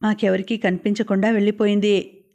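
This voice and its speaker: A woman voicing a stern, aging village father who speaks in a measured, grave way. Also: mid-range voice, little pitch movement, dark tone, close to an everyday voice.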